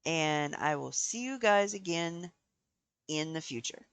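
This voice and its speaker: A woman's voice: low voice, lively intonation, unhurried, clean tone, no room sound. A woman game streamer chatting casually and sleepily, meandering with lots of ums. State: sleepy, yawning. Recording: game music playing behind.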